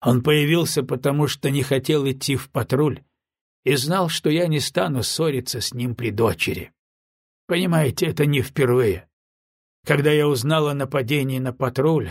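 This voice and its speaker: A man doing a flat, resigned old admiral. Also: mid-range voice, gravelly, husky, no echo, studio quality. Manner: flat, emotionless voice. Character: weary older male admiral, flat and resigned.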